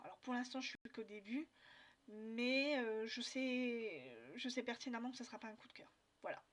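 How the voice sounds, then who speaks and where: French woman, book vlogger, casual chat, hesitant, full of fillers, fairly high voice. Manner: hesitant, many fillers and restarts.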